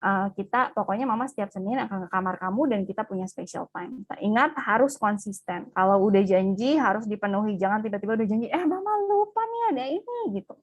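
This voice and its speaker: Lively woman giving a parenting webinar. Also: mid-range voice, no echo, dull audio. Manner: lively, acts out quoted voices, mixes in English phrases. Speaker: webinar speaker on play therapy. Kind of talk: webinar presentation to mothers.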